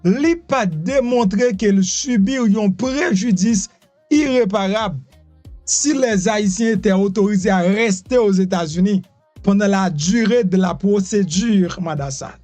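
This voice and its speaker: Haitian guy doing lively immigration news commentary, kinda high voice, keeps repeating stuff, faint music under it. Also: measured pace, dry recording. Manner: animated, repetitive, rhetorical questions. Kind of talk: news commentary mixing Creole, French and English.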